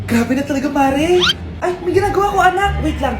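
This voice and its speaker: A woman voicing excitable, melodramatic characters in comedy skits about family squabbles. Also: sits high, a little fast, background noise. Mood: bickering. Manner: melodramatic, exclaiming. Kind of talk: exaggerated comedy skit dubbing. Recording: echoey, music behind the voice.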